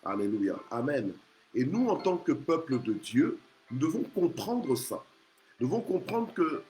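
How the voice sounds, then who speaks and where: A Congolese preacher with a slightly high voice leads a morning prayer, delivering an emphatic, exhorting sermon. He repeats phrases and punctuates them with hallelujah and amen, on a rough recording with clear background noise and ambient sound.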